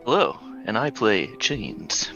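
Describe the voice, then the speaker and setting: A man's voice: lowish voice, sing-song, slow pace, lo-fi sound, over music. A man playing a tabletop game over livestream headset audio, making brief, plain remarks. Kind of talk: casual chat during a livestreamed game.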